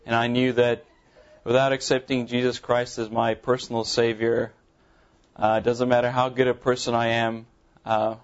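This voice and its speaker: Speaking from the pulpit of a church sanctuary, a visiting pastor in his thirties from South Africa shares his testimony with the congregation. His first language is Afrikaans, which gives his English a mild accent, and his delivery is earnest yet halting, full of ums. His voice sits at a medium pitch with a level tone, and the recording is muffled.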